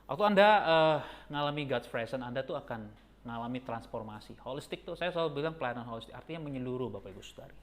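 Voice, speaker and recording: A man, a pastor preaching a sermon with lively storytelling that jumps to a high, excited pitch.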